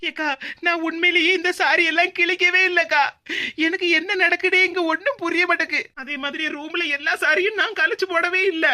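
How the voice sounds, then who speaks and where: Woman, high bright voice, pleading young daughter-in-law. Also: steady tone, brisk. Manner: pleading, protesting her innocence. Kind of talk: comic family drama dialogue.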